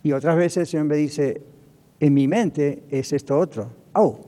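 Spanish-speaking pastor preaching in a reverberant hall. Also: male voice, fairly high pitch, normal speed. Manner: animated preaching, mixes English phrases into Spanish. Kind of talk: sermon.

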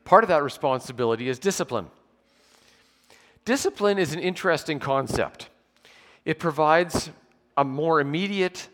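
Man in his 40s, pastor at a pulpit mic, slightly high voice, measured sermon delivery with dry humour, long church reverb. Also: fairly bright tone. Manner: measured, explanatory preaching with occasional dry humour. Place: church sanctuary with pews.

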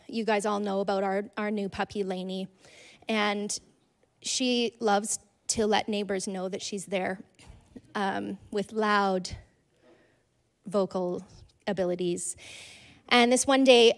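A woman telling a personal faith story to a congregation, earnest and conversational, with frequent "like"s and soft laughs. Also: medium pitch. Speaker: speaker sharing a testimony. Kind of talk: personal testimony in a church talk.

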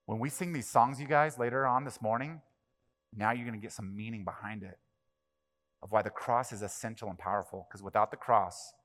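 A man's voice: fairly low pitch, fairly even intonation, brisk, fairly bright tone. A pastor preaching a sermon to his congregation, talking in a conversational way and often checking in with his listeners. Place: church sanctuary. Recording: long reverb of a large hall.

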